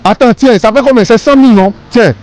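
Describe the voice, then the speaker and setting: A man with an Ivorian accent talks in a high voice, coaxing and repetitive, tagging his sentences with questions. He is recorded on a phone outdoors on a street at night. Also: fairly quick, darkish tone, slight background noise, poor audio. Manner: coaxing, repetitive, full of "hein". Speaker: man filming a street act of charity.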